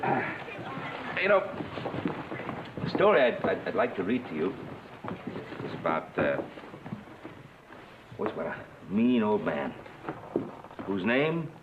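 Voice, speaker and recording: A slow, expressive storytelling father. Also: lowish voice, muffled recording. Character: warm patriarch reading to a party. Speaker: father reading a story aloud. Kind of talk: 1960s TV western acting. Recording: party crowd and noisy old TV soundtrack.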